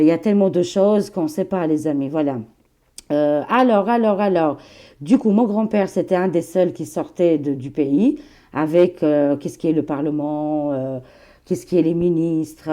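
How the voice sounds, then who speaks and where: A woman's voice: low voice, dark tone. A woman in her forties with an Albanian accent, talking casually to her viewers as a tarot channel host, chatty and laughing, with many fillers. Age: 40s.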